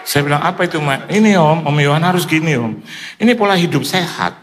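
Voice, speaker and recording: A man preaching in a church, telling a funny story with lively quoted asides and frequent laughter. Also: on the high side, brisk. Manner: animated, joking, mimics others in quoted asides. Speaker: pastor. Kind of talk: sermon with humorous storytelling.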